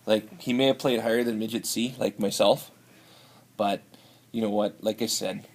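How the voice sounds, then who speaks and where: A man with a lowish, steady voice improvises a comedy bit as a hard-drinking, brawling Canadian hoser. His Canadian-accented delivery is rambling and halting, and he keeps ending lines with "eh."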